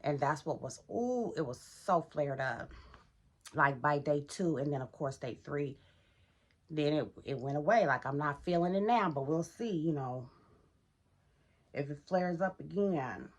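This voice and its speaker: A middle-aged woman with a deep, expressive, unhurried voice vlogs casually while getting ready, chatting to her viewers as "y'all" in a groggy morning voice. It's a relaxed get-ready-with-me video.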